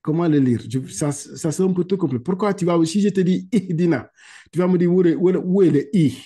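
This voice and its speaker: Warm, high and slightly breathy, this man's voice leads a Quran reading lesson by video call. He recites Arabic words in a slow, drawn-out way for students to echo, explaining patiently and pausing often to ask "ok?"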